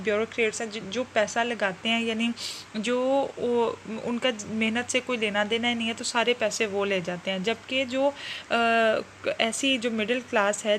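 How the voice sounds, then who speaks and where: A woman teacher lecturing on literary theory, slowly and carefully over English quotes. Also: on the high side, fairly bright tone, slight background noise, rough recording. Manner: explains in a mix of Hindi-Urdu and English, slow over English quotes. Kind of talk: lecture explaining a literary text.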